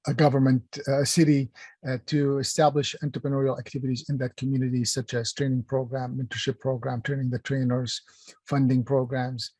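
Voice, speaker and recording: Middle-aged male workshop presenter from Palestine, mid-pitched and chatty, full of fillers, speaking on a dry close mic. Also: darkish tone, no echo. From Palestine, raised in Kuwait. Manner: conversational, many fillers and restarts, addresses chat. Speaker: workshop presenter, company founder.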